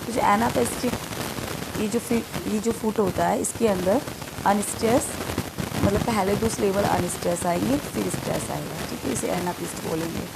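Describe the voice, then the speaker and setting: Indian lady teacher going over exam questions, bit of fry in her voice, reads the english bits real slow. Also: mid-range voice, very noisy. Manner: explains step by step, reads English questions slowly. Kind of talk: exam-prep lecture.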